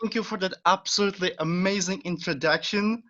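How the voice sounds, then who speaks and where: A young Czech man with a Czech accent, speaking English as a second language, is an eager guest in a casual podcast interview, full of fillers and short laughs. His voice is high and a little fast, with background noise and a dull lo-fi sound.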